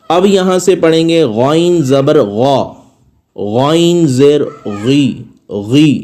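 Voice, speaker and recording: A man teaching Quran recitation rules, patiently explaining and slowly reciting model Arabic sounds and words. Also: mid-range voice, mellow. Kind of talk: slow recorded tajweed lesson.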